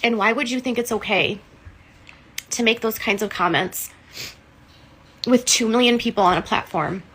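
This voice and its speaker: A woman's voice: on the high side, moderate pace, fairly bright tone, slightly rough, low-quality recording. Earnest, upset woman talking to camera. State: emotional. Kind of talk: casual commentary to camera.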